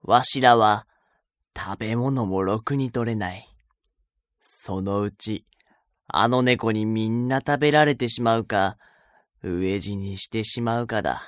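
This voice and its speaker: A man voicing an old male mouse, a fretful elder who speaks in slow, old-fashioned, grumbling phrases. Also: fairly low pitch, dry recording, studio quality, close to an everyday voice. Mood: worried.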